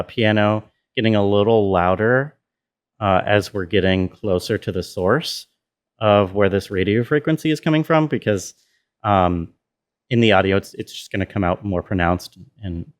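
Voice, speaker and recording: A sound designer gives an informal, casual tutorial walkthrough, thinking aloud as he explains. His voice is on the low side, a little slow, and clean in tone.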